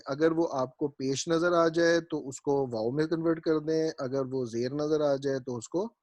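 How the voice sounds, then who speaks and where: With a medium-pitched, darkish voice captured in a dry recording, this man teaches Arabic grammar to a class. He goes through it methodically, restates key points, and keeps confirming that his students are following.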